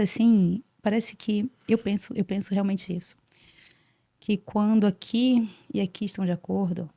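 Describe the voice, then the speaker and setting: This is a gravelly, fry-tinged Brazilian woman in her forties, a podcast guest who recounts her life in an earnest, animated way. Her voice is dark and mellow, and she keeps repeating words as she talks. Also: mid-range voice. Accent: Brazilian Portuguese. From Brazil (Salvador, Bahia). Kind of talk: casual interview storytelling.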